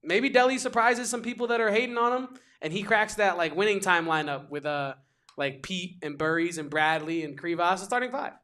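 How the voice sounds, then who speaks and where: A high-voiced man co-hosts a sports podcast, talking casually and excitably with emphatic repetition and quick restarts.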